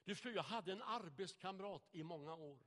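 A man's voice: sits high, animated, fairly bright tone. Preacher quoting an older man, earnest and reflective, echo of a hall.

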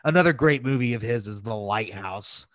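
On a clean, dry studio recording, a podcast host with a fairly low, fairly bright voice talks at normal speed. He chats casually about films, crass and gushing, emphatic and freely swearing.

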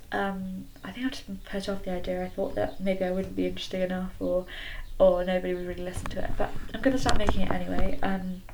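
A woman's voice: medium pitch, a little mellow, poor audio. A nineteen-year-old woman chats casually and a little hesitantly as a solo podcast host, recorded in a small wooden shed. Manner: hesitant, self-effacing. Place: small wooden garden shed, slightly echoey. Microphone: computer recording. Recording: clicky home recording with background noise.

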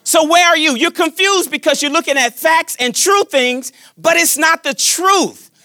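A grandfather in his fifties preaching a sermon in a folksy, joking manner, swinging between loud declarations and quiet asides. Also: very high voice, moderate pace, no echo. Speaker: pastor.

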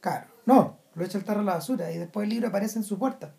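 A woman's voice: mid-range voice, rapid-fire, gravelly, warm tone. A woman with a Chilean accent, talking casually about a film, hesitant with many restarts. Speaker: film commentator.

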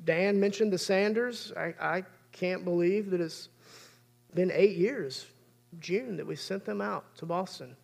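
A man's voice: sits high, a little slow, gravelly, a little mellow. A man, preaching a sermon as pastor in an earnest, conversational way.

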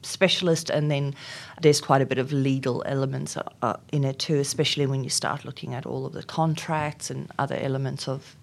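Her voice extremely low, steady and gravelly, this middle-aged South African woman speaks briskly. An HR executive whose first language is Afrikaans, she answers interview questions thoughtfully, often pausing with ums and starting over.

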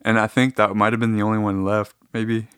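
A man's voice: on the low side, little pitch movement, brisk, fairly bright tone, clear, resonant tone, dry recording, clean studio sound. A man talking to his audience in a casual, meandering, easygoing monologue.

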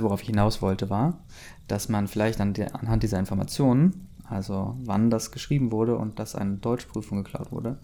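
A man's voice: lowish voice, warm tone. A man reading a story aloud, breaking off for dry, mocking asides. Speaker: reader of fan fiction.

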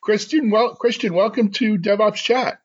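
Husky upbeat podcast host, a man. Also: sits high, moderate pace, lo-fi sound. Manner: upbeat, slightly stumbling host. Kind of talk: interview introduction.

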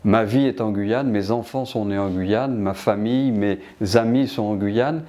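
A man's voice: fairly low pitch, unhurried, dark tone. An older man from Martinique answering interview questions about his business, hesitant with many restarts.

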